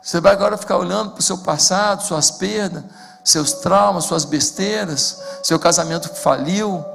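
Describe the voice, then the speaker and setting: Impassioned pastor in echoing hall. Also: male voice, high voice, moderate pace, vocal fry. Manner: impassioned, builds to shouting. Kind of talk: sermon. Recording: long hall reverb with faint music.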